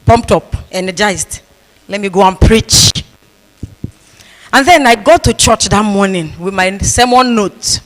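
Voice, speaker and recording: With a medium-pitched voice and a slightly slow pace, a woman pastor uses humor and repeated phrases in her storytelling. She's addressing a conference in a large hall with long reverb.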